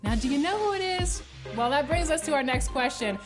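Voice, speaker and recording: A woman presents quiz questions. Her voice is high and very varied in pitch. Music is clearly heard behind her. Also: animated, fairly quick. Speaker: trivia presenter.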